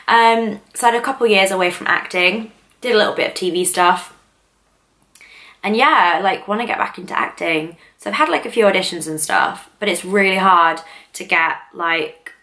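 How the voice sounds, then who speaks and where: A woman's voice: fairly low pitch, pushed and bright. A woman in her twenties from northern England, chatting casually and rambling to camera in a vlog, full of fillers. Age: 20s. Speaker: vlogger.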